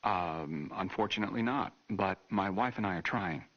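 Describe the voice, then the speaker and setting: A gentle, tactful American doctor in a game drama. He speaks soothingly and a little hesitantly in a husky voice. The sound is a dull old tape recording. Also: low voice, normal speed. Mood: gentle, careful. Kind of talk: dramatic game voice acting as a taped police interview.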